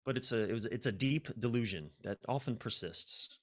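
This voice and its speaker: Fairly quick and medium in pitch, the voice is that of an American relationship coach on a podcast. He shares personal stories in a conversational interview, openly and with self-deprecation, dramatizing his inner dialogue.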